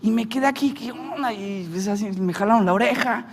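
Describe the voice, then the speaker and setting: A man, a pastor, preaching a sermon and telling a story, moving from hushed tones to shouts and joking with the congregation. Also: sits high, fairly quick, long reverb tail, a little hiss or hum. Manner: animated, swings from hushed to shouting, jokes with congregation.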